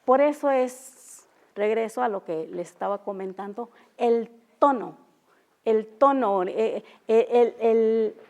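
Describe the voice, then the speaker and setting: A young woman who speaks Mixtec natively, teaching an unscripted language class in an auditorium, halting with many fillers and repeating example sounds. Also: a little high, warm tone, highs cut off. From Oaxaca, Mexico. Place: university auditorium.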